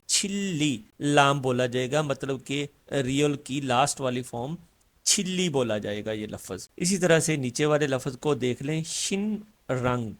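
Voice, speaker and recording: Pakistani man patiently teaching a lesson. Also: medium pitch. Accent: Pakistani Urdu. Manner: patient, repeats example words slowly. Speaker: Korean language teacher. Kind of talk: online language lesson.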